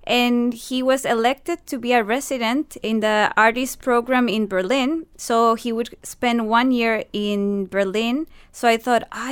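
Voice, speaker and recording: Costa Rican woman with a clear voice. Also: on the high side. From Costa Rica. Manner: earnest, explains step by step, non-native English phrasing. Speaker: university staff, event organizer. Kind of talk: radio interview guest. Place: radio studio.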